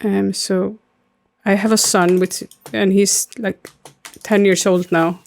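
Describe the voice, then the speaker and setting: Speaking slowly in a medium-pitched, level voice that's gravelly and a little mellow, an Icelandic-accented streamer in her thirties rambles through casual chat while gaming. She responds to her chat and fills her speech with ums and likes.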